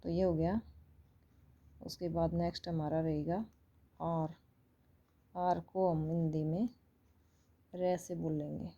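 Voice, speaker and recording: A woman's voice: deep voice, flat delivery, takes it slowly, long pauses, mellow, highs cut off. A woman with an Indian accent teaching English phonics online, explaining patiently and repeating each sound.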